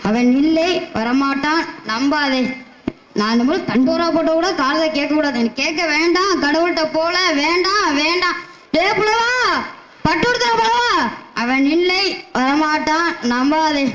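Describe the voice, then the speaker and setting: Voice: high-pitched, moderate pace, fairly bright tone, echoey room, a little hiss or hum. An actor doing a wailing comic poor poet. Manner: comic lamenting, wailing, sarcastic. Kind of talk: Tamil stage-play comedy acting.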